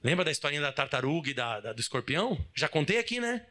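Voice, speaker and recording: High, animated male pastor preaching. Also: quick pace. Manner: animated and emphatic, acting out scenes, rising to fervent prayer. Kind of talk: lively sermon.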